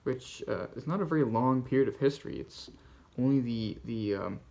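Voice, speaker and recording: Halting Canadian man talking books. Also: medium pitch, animated, creaky, warm tone. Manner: halting, rambling delivery. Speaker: book channel host. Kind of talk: casual book-haul vlog.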